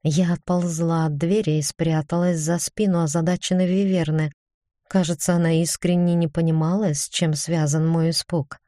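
A woman narrating a first-person fantasy audiobook in an even, measured reading. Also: low-pitched, no room sound, studio quality.

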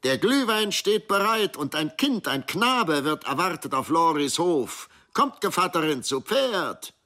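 A man's voice: on the high side, sing-song, a little slow, pitched above the performer's own voice, heavily acted. A man voicing a messenger on horseback who calls out a summons in a raised, urgent voice. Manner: urgent, calling out loud. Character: shrill calling night rider, male messenger.

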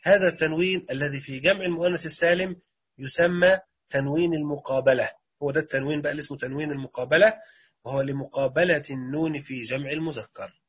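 Husky Egyptian teacher quizzing his class. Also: on the high side, muffled recording. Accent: Egyptian Arabic. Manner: quizzes students, repeats answers. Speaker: grammar teacher. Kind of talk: classroom lecture with questions.

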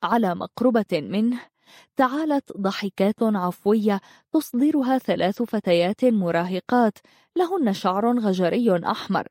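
A woman narrating an audiobook in a calm, measured way. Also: mid-range voice, dry recording, studio quality.

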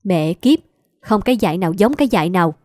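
A woman reading aloud voices a sullen, gruff middle-aged husband who grumbles and curses in an offhand drawl. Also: medium pitch, expressive, fast, a little mellow, no room sound, studio quality, natural voice. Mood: gruff grumbling.

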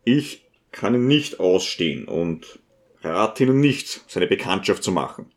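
A man's voice: deep voice, big pitch swings, measured pace, pitched below the performer's own voice, full character voice. A man doing an eager, vain schoolteacher.

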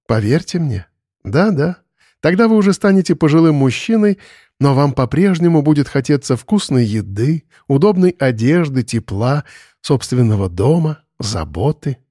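A man voicing a calm, wise older woman who speaks in a measured, reproachful way in an audiobook. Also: on the high side, no room sound, clean studio sound. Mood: lecturing. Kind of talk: audiobook character voice.

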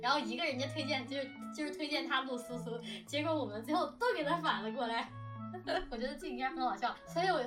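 A woman with a high voice and quick pace, a radio drama director and discussion host, chats informally and with enthusiasm about her audio drama work, wandering a little and making fun of herself. The mic is a bit distant, and music plays in the background.

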